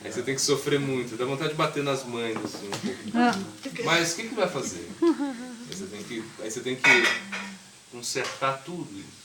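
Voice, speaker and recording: In a mid-range voice at normal speed, a man acting as swami delivers a loose, chatty spiritual talk, asking the audience things and voicing characters. He's recorded far from the mic in an echoey, noisy room.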